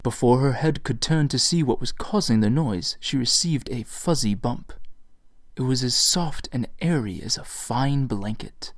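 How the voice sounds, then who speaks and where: A man narrating his own fantasy novel in a measured storytelling voice, recorded on a desktop mic. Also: mid-range voice, lively intonation, dry recording, studio quality. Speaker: author and narrator. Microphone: USB desktop mic.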